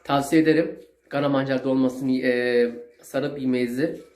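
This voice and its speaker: A man's voice: medium pitch, steady tone, moderate pace, echoey room. A man with a Zonguldak Turkish dialect, chatting casually and folksily to his viewers as a cooking vlogger. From Zonguldak, Turkey. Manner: folksy, rambling, with long shout-outs to viewers. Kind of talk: casual chat to camera.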